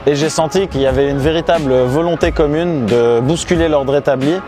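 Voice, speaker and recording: A man in his thirties earnestly telling the story behind his project as its founder, pausing often with hesitant fillers. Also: on the high side. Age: 30s. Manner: earnest and reflective, frequent hesitant "euh" fillers. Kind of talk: promotional personal narration. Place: outdoors on city rooftops. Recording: music playing under the voice.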